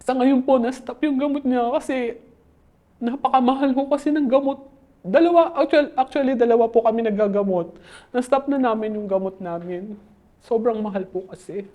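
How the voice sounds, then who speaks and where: A woman in her forties telling her story in an interview, halting and polite, often addressing the interviewer as sir. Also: fairly high pitch, warm tone. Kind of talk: emotional interview testimony.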